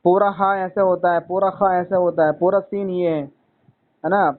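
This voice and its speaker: Teaching one student to read Arabic letters, a man keeps a high voice and level tone at a measured pace, patiently repeating points and calling the student son. The audio is narrow and tinny.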